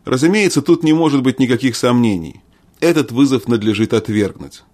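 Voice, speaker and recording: A man's voice: medium pitch, lively intonation, a little fast, darkish tone, lightly acted. A man voicing a cautious, deferential nobleman advising his king in formal courtly speech. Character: wary courtly male lord, cautious adviser.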